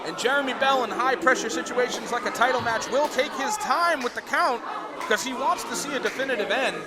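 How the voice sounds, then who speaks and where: A man working as a wrestling commentator, giving excited live play-by-play with exclaimed calls. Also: extremely high pitch, a little fast, heavy background noise. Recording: loud venue crowd behind. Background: live crowd.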